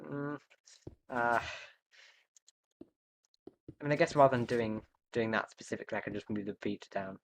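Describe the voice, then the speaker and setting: A man's voice: medium pitch, moderate pace, creaky, long pauses, a little hiss or hum. A young man streaming live, thinking aloud as he builds, hesitant and muttering to himself with many fillers. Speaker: livestreamer.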